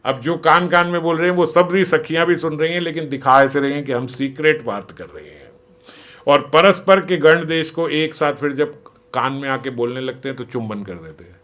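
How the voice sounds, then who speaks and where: Animated male devotional storyteller. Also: fairly high pitch, normal speed. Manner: animated, acts out dialogue, laughs often. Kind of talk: devotional scripture discourse.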